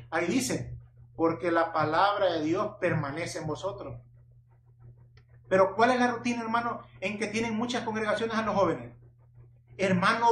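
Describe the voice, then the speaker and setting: A man's voice: high voice, a bit bright. A man preaching a Bible-teaching sermon, who keeps asking rhetorical questions, answers them himself, and addresses listeners as brother. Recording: echoey room, mic at a distance, faint hum.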